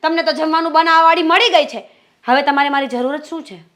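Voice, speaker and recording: A woman's voice: high-pitched, quick pace, fairly bright tone. A woman playing a jealous accusing wife. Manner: accusing and sarcastic. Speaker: suspicious wife. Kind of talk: Gujarati short-film family drama acting.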